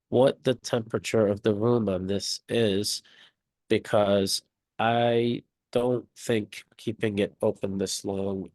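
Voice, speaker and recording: A man with a fairly low voice talks hesitantly, pausing and filling gaps, while his call audio glitches and breaks up. The sound is dry and close apart from the choppy dropouts. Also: darkish tone, dry recording. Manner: hesitant, many fillers and pauses. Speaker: developer in a team meeting. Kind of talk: casual meeting discussion. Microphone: video call.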